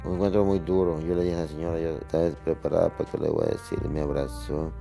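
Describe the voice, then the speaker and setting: Salvadoran-born male interviewee, deep gravelly dark voice, hesitant clipped speech. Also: level tone, faint music behind. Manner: halting, speaks in short broken phrases. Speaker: interviewee, survivor.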